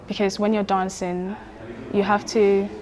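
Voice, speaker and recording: A young woman dancer speaks in a documentary interview in a steady voice with little rise and fall. She explains things carefully, and a crowd can be heard clearly behind her. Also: medium pitch, unhurried.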